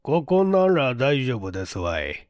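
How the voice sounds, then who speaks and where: An actor playing a shrewd, shabby 97-year-old man who talks in slow, folksy old-man speech in an audiobook drama. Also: mid-range voice, big pitch swings, dry recording, clean studio sound. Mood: coaxing.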